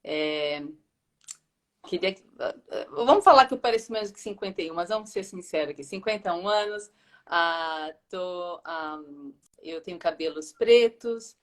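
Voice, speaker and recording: A woman's voice: fairly low pitch, moderate pace. A Brazilian woman in her fifties, a teacher being interviewed, speaking hesitantly with many fillers. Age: 50s. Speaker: guest, teacher. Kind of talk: live interview.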